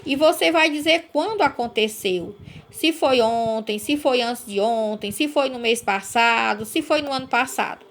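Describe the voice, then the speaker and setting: A woman teacher gives a recorded lesson to young pupils in a slightly high voice at a measured pace. Patient, she explains step by step and checks in as she goes with "right?", asking "certo?" and "né?".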